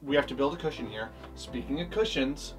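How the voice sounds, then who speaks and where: A young man co-hosts a relaxed tour of a small boat, playful and quick to tease. He sounds slightly removed from the camera mic in a wooden cabin. Faint music runs behind him. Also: medium pitch, far from the mic. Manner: upbeat, teasing, laughs often. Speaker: boat-owning video host. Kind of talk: casual chat, boat tour.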